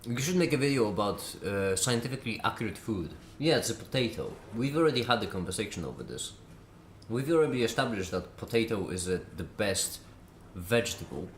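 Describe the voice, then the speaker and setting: A low-voiced man chats on a live stream, his pitch swinging up and down as he talks. He is eating as he goes, often with his mouth full. The room echoes around him, with a faint hum behind. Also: expressive, fairly quick. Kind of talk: casual live-stream chat.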